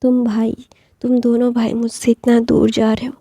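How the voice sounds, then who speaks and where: A woman voicing a remorseful mother who pleads for forgiveness, in a soft half-whispered way. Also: on the high side, completely flat delivery, normal speed, dry recording, clean studio sound. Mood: pleading.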